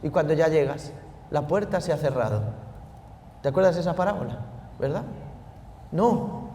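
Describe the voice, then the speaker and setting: A priest giving an animated sermon that swings between hushed and loud. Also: male voice, a little high, moderate pace, big-room sound, a little hiss or hum.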